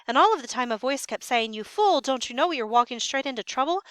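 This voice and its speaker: A nervous guard, rushed and pleading, talks his way around bad news for his king, as a woman reads him aloud in a higher, louder voice. The tone stays smooth and clean throughout. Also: animated, no room sound. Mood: anxious. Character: frightened rambling male guard.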